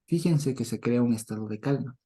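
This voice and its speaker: A middle-aged man gives an informal Bible teaching at a brisk pace in a medium-pitched voice, chuckling often and checking in with his listeners. His delivery swings between loud mock preaching and soft murmurs.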